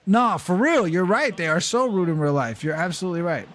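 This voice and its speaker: A man's voice: sits high, expressive, fairly quick, a bit bright. A man streaming a video game and chatting casually, ranting bluntly and swearing. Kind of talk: casual livestream chat while gaming.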